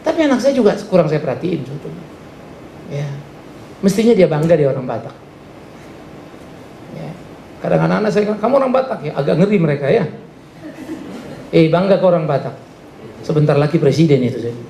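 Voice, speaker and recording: A middle-aged man preaching a lively sermon as a pastor, jokey, and he acts out little dialogues. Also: fairly high pitch, fairly quick, vocal fry, pauses often, reverberant, a little hiss or hum. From Indonesia. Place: church hall.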